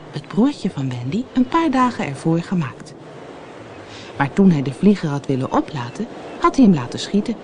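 An expressive reader narrating a children's storybook, with faint background ambience. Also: medium pitch, slight background noise. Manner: expressive, animated.

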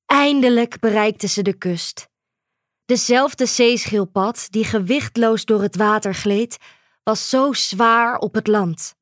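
A woman narrating a children's storybook in a calm, measured way. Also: a little high, dry recording, studio quality. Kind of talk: storybook reading.

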